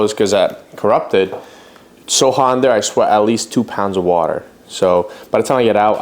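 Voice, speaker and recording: A man talking casually to camera as a fitness vlogger at home, rambling with fillers and self-corrections. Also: medium pitch. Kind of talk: casual vlog chat.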